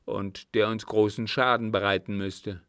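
A commanding, scheming captain with a loud, urgent and conspiratorial manner, voiced by a man. He is low and gravelly, with a dry, close sound, like a storybook reading. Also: level tone, a little slow, no room sound.

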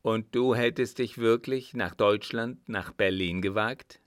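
A man's voice: lowish voice, unhurried, no echo, studio quality, natural voice. A man voicing an eager, questioning companion. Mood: curious. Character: curious, astonished male companion.

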